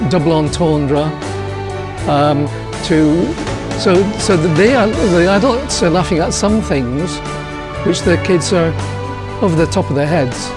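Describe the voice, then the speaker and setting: A man being interviewed as a theatre writer-director, explaining haltingly and repeating words as he goes. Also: high voice. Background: music.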